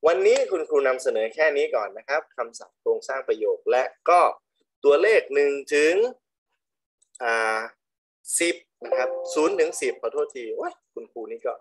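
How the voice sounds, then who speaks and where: A man teaching English to primary school children, slowly drilling words with big emphasis on each one. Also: mid-range voice, animated, slight background noise. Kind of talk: online English lesson for children.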